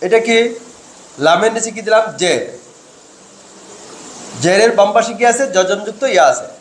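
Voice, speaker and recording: Slight background noise accompanies a high-pitched man in a roomy-sounding space as he slowly teaches Quran reading. He spells it out step by step, answering his own questions.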